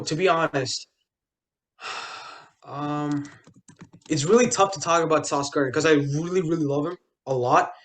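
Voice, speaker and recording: A young man co-hosting a casual sports podcast, talking loosely with lots of fillers, restarts and jokey asides. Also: fairly high pitch. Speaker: podcast co-host.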